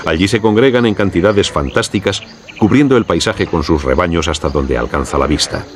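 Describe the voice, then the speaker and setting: A man with a Castilian Spanish accent reads scripted nature documentary narration in a measured, formal storytelling way. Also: low-pitched. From Spain. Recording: clear background noise with insect ambience.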